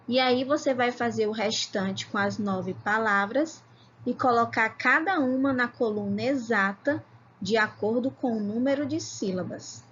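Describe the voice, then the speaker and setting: A woman from Ceará teaching a children's video lesson, calling herself "tia" and sounding out words slowly, syllable by syllable. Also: on the high side, a bit bright, muffled recording, slight background noise. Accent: Brazilian Portuguese, Ceará. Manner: slow, syllable-by-syllable reading, calls herself "tia". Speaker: primary school teacher.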